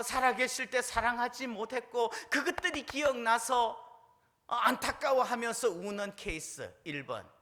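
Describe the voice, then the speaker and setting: Male pastor, high bright voice, sermon that questions the congregation. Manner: asks the congregation questions, quotes prayers with rising force. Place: church sanctuary.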